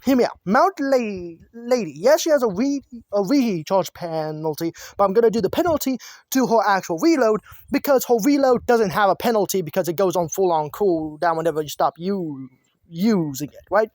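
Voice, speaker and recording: A woman's voice: mid-range voice, lively intonation, a little fast, darkish tone, no echo. A woman talking outdoors in a casual chat about game balance, chatty and often stumbling and restarting her words. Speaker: gamer giving balance ideas.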